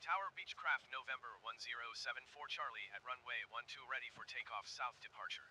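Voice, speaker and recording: A man's voice: medium pitch, a little fast, noisy background. A man playing a flight simulator, making clipped pilot radio calls into a headset mic. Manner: clipped aviation radio phrasing.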